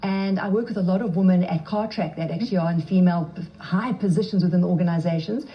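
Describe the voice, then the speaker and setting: A woman's voice: on the low side, quick pace. A South African woman answering interview questions as a guest, speaking in a self-assured, emphatic way. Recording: slightly dull, band-limited sound.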